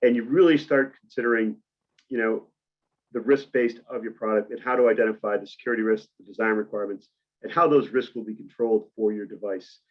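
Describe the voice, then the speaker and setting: A man with a Boston accent presenting on a webinar, measured and explanatory, with frequent uhs. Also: lowish voice, fairly even intonation, dull audio. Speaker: industry presenter. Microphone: video call mic.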